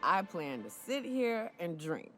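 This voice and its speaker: A rough-edged female monster hunter from a video game, a boozy barfly through and through. Her tipsy, rambling drawl swings widely in pitch. Faint music plays behind her. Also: sing-song, slow pace, fairly bright tone, full character voice. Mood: tipsy, wheedling. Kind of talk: video game character dialogue.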